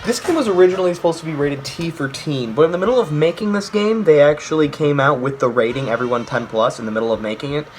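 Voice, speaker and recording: A man's voice: a little high, fast talker, hardly any pauses, a little mellow, a little hiss or hum. Sarcastic young man ranting about games. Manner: sarcastic, jokey, rants with mock outrage. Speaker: video game reviewer. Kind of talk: casual comedic game review.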